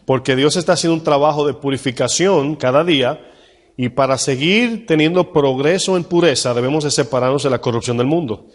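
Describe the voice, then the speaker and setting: A man preaching a sermon as pastor, putting questions to the congregation and reading scripture slowly and with emphasis. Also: fairly high pitch. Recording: church hall reverb.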